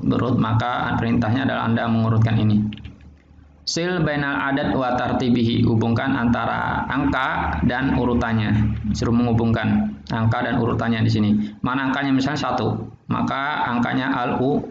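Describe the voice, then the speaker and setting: A man teaching an online Arabic textbook lesson, explaining each term in with pauses and restarted words. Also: medium pitch, vocal fry. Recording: roomy, dull lo-fi recording with faint noise.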